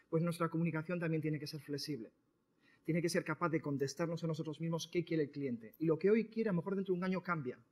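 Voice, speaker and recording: A man from Spain giving a sales seminar to entrepreneurs, lively and quizzing his audience. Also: on the high side. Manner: lively, questions the audience directly. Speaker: speaker at a business talk. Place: seminar room.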